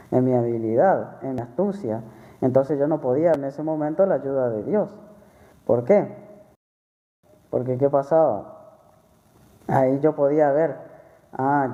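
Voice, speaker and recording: Male preacher, chatty sermon testimony, repetitive phrasing, thin lo-fi sound in a reverberant hall. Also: mid-range voice. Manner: conversational, repeats phrases, frequent tag questions. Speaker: church member preaching. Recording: tinny phone-like sound with long hall reverb.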